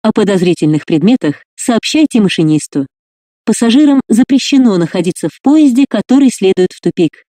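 A man reading recorded metro announcements in a measured, formal way, heard over a train intercom. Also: high voice, expressive, warm tone, no room sound, clean studio sound. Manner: measured, formal, evenly paced.

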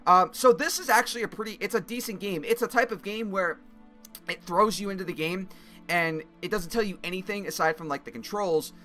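A man's voice: sits high, fairly quick, pushed and bright, soft background music. A young man giving casual gameplay commentary, rambling as he thinks aloud. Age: young adult. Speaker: gamer reviewing a game demo.

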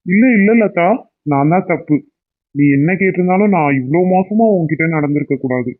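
A man's voice: a little high, normal speed, close to an everyday voice. A man voicing a young cartoon husband who pleads and makes up with his wife in an affectionate way. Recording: tinny phone-like sound.

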